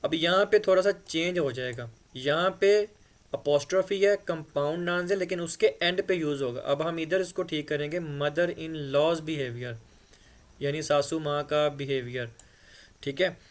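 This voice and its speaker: A man's voice: fairly high pitch, normal speed. Patient male grammar teacher at a board. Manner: patient, repeats "ठीक है" often. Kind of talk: explanatory board lesson.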